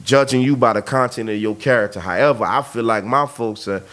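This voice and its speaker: A man's voice: medium pitch, a little fast, fairly bright tone. Blunt, emphatic man in his thirties. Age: 30s. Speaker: podcast host. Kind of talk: casual conversation.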